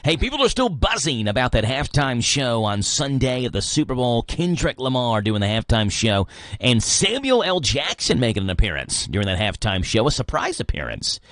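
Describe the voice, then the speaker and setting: Casting: American male radio host, mid-pitched, conversational news and weather delivery, dry studio. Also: wildly swooping pitch, moderate pace, fairly bright tone, dry recording. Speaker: radio morning show host.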